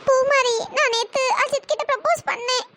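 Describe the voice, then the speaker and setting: A woman voicing a heartbroken, meek young woman who is crying and pleading, in a cartoon story with a pitch-raised voice. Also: steady tone, moderate pace, sharp tone. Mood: tearful. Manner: sobbing, pleading.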